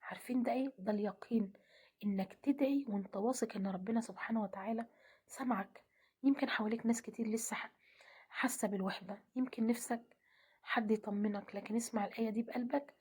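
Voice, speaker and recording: Fast, husky Egyptian woman preaching softly. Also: a little high, steady tone. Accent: Egyptian Arabic. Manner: soft, often half-whispered delivery. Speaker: religious speaker. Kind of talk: gentle devotional talk.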